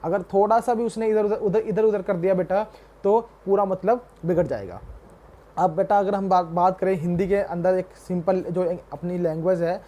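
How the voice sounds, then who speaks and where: A young man teaching a commerce class, reading English definitions slowly and then explaining them in a mix of Hindi and English while calling his students "beta". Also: sits high, dark tone. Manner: addresses students fondly as "beta". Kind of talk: classroom lecture.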